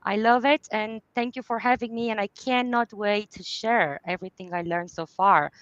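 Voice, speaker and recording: Romanian-accented woman in her 30s, coach guest; bright, dry sound. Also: medium pitch, moderate pace, dry recording, dull audio. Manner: warm, laughs often, non-native phrasing. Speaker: guest, business clarity coach. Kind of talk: podcast interview.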